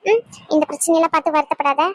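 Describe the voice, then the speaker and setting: A woman voicing a gentle young sister-in-law in a cartoon, softly reassuring a younger girl. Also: high-pitched, rapid-fire, no room sound, lightly acted. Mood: soothing. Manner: soft, soothing, reassuring. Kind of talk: cartoon voice acting.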